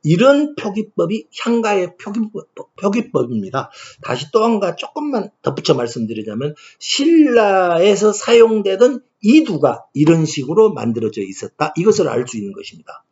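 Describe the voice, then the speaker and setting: A man's voice: high voice, wildly swooping pitch, moderate pace, few pauses, a little mellow. A man giving a lecture who asks himself questions and answers them with emphasis. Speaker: lecturer on ancient Korean poetry. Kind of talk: classroom-style lecture. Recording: dull lo-fi recording.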